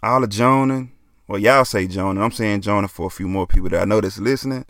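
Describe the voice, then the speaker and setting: Laid-back man with gravelly voice. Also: on the low side, fast talker, fairly bright tone, no room sound, clean studio sound. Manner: laid-back, joking, says "man" a lot. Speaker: podcast host. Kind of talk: casual solo podcast talk.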